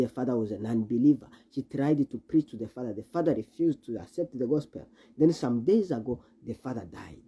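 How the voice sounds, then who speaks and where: A man's voice: mid-range voice, warm tone, slightly rough. A man preaching an earnest Bible teaching, repeating his points with emphasis. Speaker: evangelist preacher.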